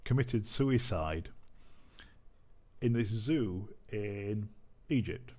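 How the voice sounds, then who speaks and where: A man's voice: lowish voice, animated, extremely slow, warm tone. A man giving casual commentary as a vlogger, amused and often breaking into laughter while he reads out a news article.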